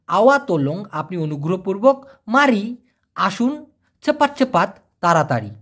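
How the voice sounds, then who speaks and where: Lively-pitched man teaching phrases. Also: slightly rough. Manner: repeats each phrase slowly and translates it, with a lively rise and fall. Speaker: Malay language teacher. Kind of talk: casual explanatory language lesson.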